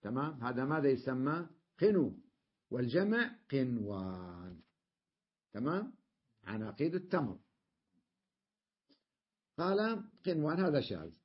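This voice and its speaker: Here a man gives a grammar lesson to a class, breaking things down step by step and repeatedly checking for understanding. His medium-pitched voice swings widely in pitch and sounds slightly rough, and he talks unhurriedly with frequent pauses. The recording is muffled.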